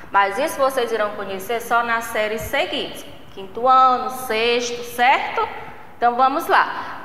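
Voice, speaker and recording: In a lesson recorded for little kids, this Brazilian Portuguese-accented schoolteacher takes her time, stretching syllables and checking in with "né?" and "certo?" again and again. She has a bright, somewhat high voice. Her words echo through a reverberant room, and there's a slight background noise.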